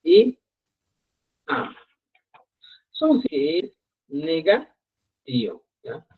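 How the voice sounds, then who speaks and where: A man teaching a live online Quechua lesson, repeating examples slowly and checking in with his students. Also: a little high, big pitch swings, husky. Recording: tinny phone-like live stream audio.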